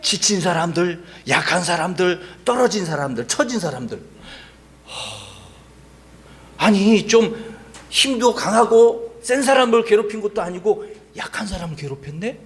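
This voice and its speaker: A male pastor giving a children's sermon in church, lively and coaxing, talking straight to the kids. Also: sits high, moderate pace.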